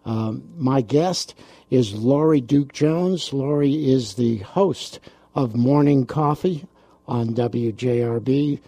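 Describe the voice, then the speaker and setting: A man hosting a radio talk show, speaking in a relaxed way with frequent ums and uhs. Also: mid-range voice, takes it slowly, no echo.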